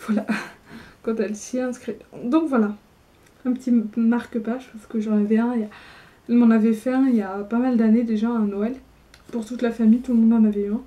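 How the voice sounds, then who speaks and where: Young woman from France, casual book vlogger, slightly high and mellow, chatty with fillers. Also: steady tone, a little fast. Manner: chatty, many fillers and restarts. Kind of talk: casual book haul chat.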